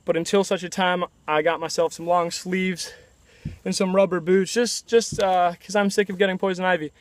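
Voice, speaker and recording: A young man filming a casual video diary outdoors at a rural building site, talking in a relaxed, chatty way with halting restarts. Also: sits high, no echo. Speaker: DIY vlogger.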